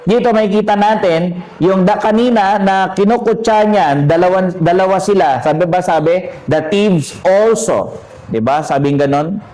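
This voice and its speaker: A man's voice: high-pitched, moderate pace, a little mellow, low-quality recording. A man preaching a sermon in a conversational way, asking his listeners questions and mixing English phrases into his talk. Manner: conversational, asks the congregation questions; mixes in English while preaching. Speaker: pastor.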